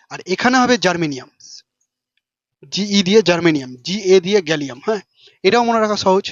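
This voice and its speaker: A man teaches a class at a rapid clip, fast, informal and full of quick questions to his students. His voice sits high. The recording is dry and a little dull. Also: no room sound. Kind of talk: classroom lesson.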